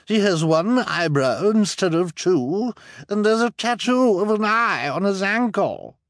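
A man doing a shrill, accusing townswoman. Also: animated, measured pace, no room sound, clean studio sound. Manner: calling out, accusatory.

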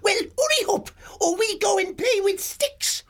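A man voicing an impatient baby hedgehog with a squeaky voice. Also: lively intonation, measured pace, a bit bright, full character voice. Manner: squeaky, demanding.

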